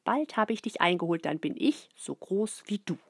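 A woman voicing a spirited nine-month-old baby girl who protests loudly and with indignation, read aloud from a storybook. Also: on the low side, expressive, normal speed, over loud music. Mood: smug.

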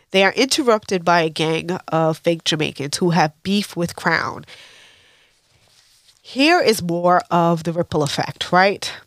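A woman's voice: on the low side, no echo, clean studio sound. A woman hosting a podcast, recapping a TV episode in a candid, opinionated way and breaking off into rants with laughs. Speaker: podcast host.

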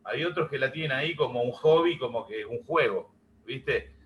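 A middle-aged music teacher and musician from Santa Fe chats in an easygoing video-call interview, using Argentine rioplatense voseo. He speaks at a moderate pace with a medium pitch, and the sound is dull with a slight hiss or hum.

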